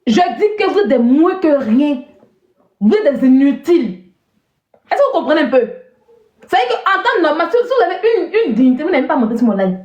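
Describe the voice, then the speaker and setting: A woman's voice: high-pitched, big pitch swings, fairly quick, a little mellow. A woman hosting a live stream, mocking and scolding callers with scorn and lots of repetition. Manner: mocking, scornful, repeats herself. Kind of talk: insulting live-stream chat. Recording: roomy, dull lo-fi stream audio.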